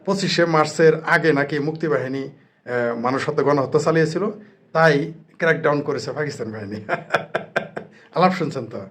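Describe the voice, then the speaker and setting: A man rails against his opponents in a combative monologue. His voice sits a touch high, and his tone is mocking and sarcastic throughout. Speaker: political commentator. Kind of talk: angry political monologue.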